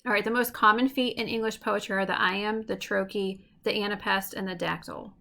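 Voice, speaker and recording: A woman teacher giving a recorded lesson, explaining clearly and slowing down to tap out rhythms. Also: mid-range voice, fairly even intonation, bright, forceful tone.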